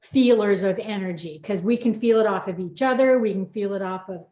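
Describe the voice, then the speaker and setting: A middle-aged woman, a co-author hosting a personal chat, talks briskly in a mid-range voice. The conversation is loose, chatty and unplanned, recorded with a roomy, dull lo-fi quality.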